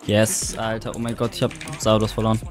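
Woman, co-player, very low voice, dry mock-complaining, casual game banter. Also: completely flat delivery, brisk, music in the background.

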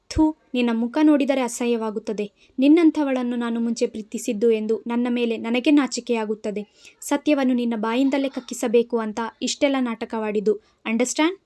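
A woman's voice: fairly high pitch, warm tone, lightly acted. A woman voicing a stern, angry young husband who scolds harshly in a storybook reading.

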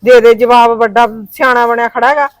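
A woman acting as a sharp-tongued village mother with a Malwai Punjabi accent, scolding and giving orders in a high, quick voice. The room sounds dry and close. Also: fairly even intonation, dry recording, close to an everyday voice. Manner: scolding, commanding. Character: bossy scolding mother, middle-aged woman. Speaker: mother-in-law. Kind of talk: village short-film acting.

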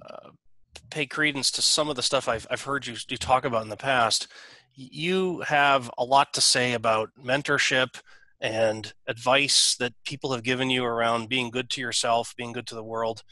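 A male interviewer asks his guest a question in an earnest way, tripping over the first words of his sentences. His voice is bright and sharp, and the sound is dry and close. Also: medium pitch, dry recording. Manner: earnest, stumbles on starts of words. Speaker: interview host. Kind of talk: conversational interview.

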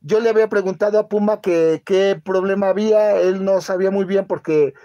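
Man, warm mellow voice, rambling, filler-heavy, live-stream host. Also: high-pitched, fairly even intonation, highs cut off. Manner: rambling, halting storyteller with many fillers. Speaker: channel host. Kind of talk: casual live-stream chat.

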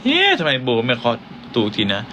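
A man's voice: mid-range voice, huge pitch swings, fairly quick, background noise. Playful man chatting on a live stream. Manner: playful, teasing, joking. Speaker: singer hosting a live stream. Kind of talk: casual live-stream chat.

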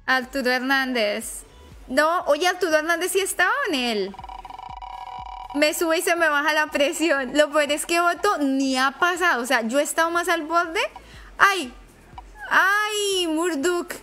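A high, bright-voiced woman hosts a live stream, talking straight to her chat with excitable, jittery exclamations. Faint music plays underneath her. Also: unhurried.

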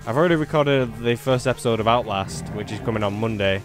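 A man talking his way through a spooky video game, chatty and jokey, muttering to himself between moves. His voice sits at an ordinary pitch, with a touch of faint music behind it. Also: quick pace. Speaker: gaming youtuber. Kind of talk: let's play commentary.

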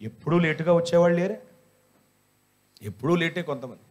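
A man, a pastor, preaching a sermon in an animated, humorous way and scolding his listeners with rhetorical questions. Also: fairly high pitch, a little fast.

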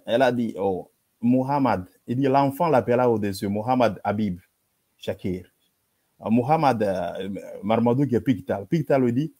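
Guy hosting a rant over verses, keeps repeating himself, warm low-key tone. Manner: emphatic, repetitive, with dismissive "bla bla". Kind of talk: polemical commentary reading translations.

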